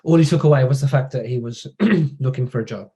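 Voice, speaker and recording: Male podcast guest, warm low-key tone, anecdotal and conversational. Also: a little fast. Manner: relaxed storytelling, acts out quoted dialogue. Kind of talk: casual conversation.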